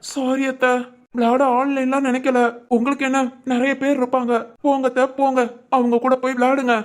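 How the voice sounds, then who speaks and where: A man's voice: very high voice, flat delivery, fairly quick. A man voicing a confused, easygoing young man in a comedy cartoon, bantering and brushing off his aunt. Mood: flustered.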